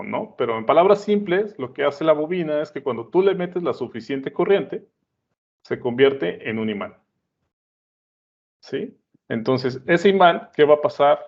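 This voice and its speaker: A man teaches in a loose, conversational way, regularly checking that his listeners follow. His voice sits at a middle pitch. The recording is dull and lo-fi. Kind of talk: explaining at a whiteboard. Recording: dull lo-fi sound.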